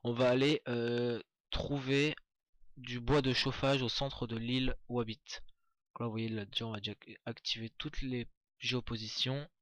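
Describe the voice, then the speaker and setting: A man's voice: mid-range voice, level tone, measured pace, dry recording. A man giving casual, chatty commentary on a game walkthrough, hesitant, with many fillers and restarts. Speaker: gameplay commentator.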